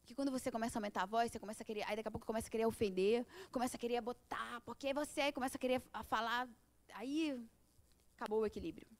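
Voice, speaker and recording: A middle-aged woman with a Brazilian accent leads an informal spiritual class. Her voice sits high, and she talks in a conversational way, putting rhetorical questions to her listeners. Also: racing. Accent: Brazilian Portuguese. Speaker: course teacher.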